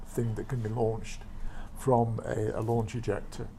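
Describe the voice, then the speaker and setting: A man's voice: fairly low pitch, flat delivery, a little slow, dark tone, slight background noise. A man being interviewed as a guest, informally explaining something technical. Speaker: interview guest, satellite society member. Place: livestream studio.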